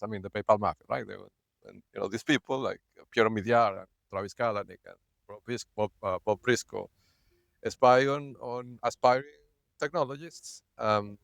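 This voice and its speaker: A man recording a rambling personal video log, halting often, filling gaps with "uh" and "right?", and breaking into short laughs. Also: medium pitch, no echo. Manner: halting, many fillers and repeated "right?"; laughs between words. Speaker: vlogger.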